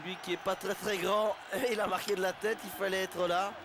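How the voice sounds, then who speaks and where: A man giving excited live football analysis of replays, conversational, repeating phrases for emphasis. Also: high voice, moderate pace, crowd noise. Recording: very loud stadium noise. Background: loud stadium noise.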